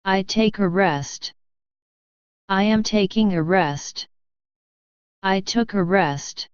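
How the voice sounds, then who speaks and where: Very slow, crisp woman reading sentences. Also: medium pitch, dry recording. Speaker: pronunciation model reader. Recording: dull dry lo-fi audio.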